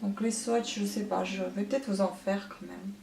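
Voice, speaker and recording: A woman's voice: medium pitch, steady tone, normal speed, creaky, darkish tone, slight background noise. Woman beauty vlogger, casual haul chat, hesitant fillers, echoey room. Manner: chatty, many hesitant fillers.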